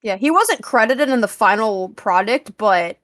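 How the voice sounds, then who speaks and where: A woman's voice: on the high side, animated, unhurried, a bit bright, no room sound. Chatty enthusiastic woman, dry sound. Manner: chatty, enthusiastic, many fillers. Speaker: podcast co-host. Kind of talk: casual film discussion.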